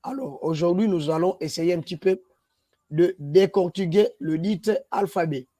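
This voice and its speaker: A man's voice: sits high, moderate pace, warm tone. A man, teaching a language lesson and spelling out letters one by one. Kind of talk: slow spoken lesson.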